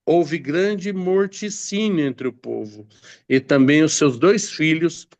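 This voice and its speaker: A man's voice: a little high, takes it slowly, no room sound, lo-fi sound. A man preaching a sermon, reading scripture aloud and explaining it with many hesitant fillers and restarts.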